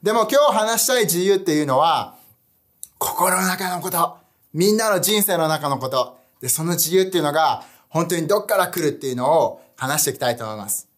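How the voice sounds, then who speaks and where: A young man preaching a casual online sermon, animated and chatty, often asking his audience questions. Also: fairly high pitch, a little fast. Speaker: youth pastor.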